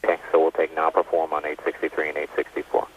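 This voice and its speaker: A man's voice: a bass voice, completely flat delivery, slightly rough. A man working as launch test conductor, giving clipped procedural checklist call-outs over a narrowband radio comm loop on a headset. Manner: brisk procedural checklist talk.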